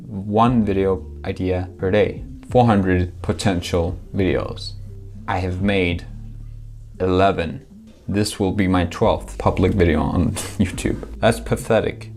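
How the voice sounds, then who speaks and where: A young Danish YouTuber, a native Danish speaker talking in English, speaks candidly to camera with self-deprecating humor in a scripted vlog. His voice is low with a darkish tone.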